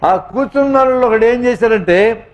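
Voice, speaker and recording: A man's voice: very high voice, moderate pace. A man, a doctor, giving a humorous talk to students, telling anecdotes and speaking straight to his audience. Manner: jokey storyteller, addresses audience directly. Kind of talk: humorous motivational speech with anecdotes.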